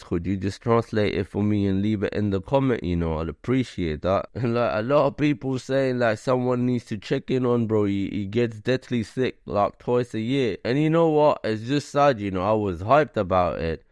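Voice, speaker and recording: A man's voice: on the low side, normal speed, few pauses, darkish tone, clean tone, dry recording, clean studio sound. A man hosting a casual combat sports commentary vlog, talking in a loose, slangy way full of "like" and "you know".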